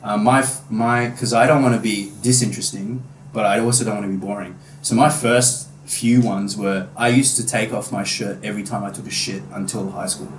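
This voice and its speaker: Young Aussie bloke, loose casual podcast host, roomy distant mic with faint noise. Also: male voice, lowish voice, fairly even intonation, brisk, few pauses. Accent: Australian. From Australia. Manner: laid-back, swears a lot, many fillers. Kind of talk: casual chat.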